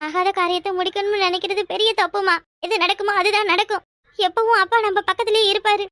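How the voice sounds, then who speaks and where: A sorrowful cartoon mother, played by a woman speaks. Her voice is very high and quick, and it sits dry and close to the mic. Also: flat delivery, bright, forceful tone, dry recording. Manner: tearful, earnest pleading. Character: loyal wife and mother, sorrowful but firm. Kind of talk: cartoon voice acting.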